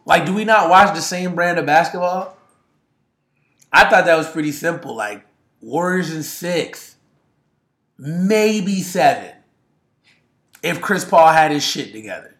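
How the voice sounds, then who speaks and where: Male co-host, casual sports banter, lively and somewhat high voice, roomy echo. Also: a little slow, pauses often. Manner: animated, rising with excitement. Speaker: podcast co-host.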